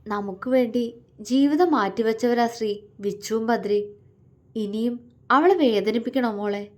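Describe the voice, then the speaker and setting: A woman voicing a tender, teasing young husband in a love story, speaking softly and affectionately. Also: normal speed, natural voice. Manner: soft, affectionate, low-key. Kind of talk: storytelling dialogue.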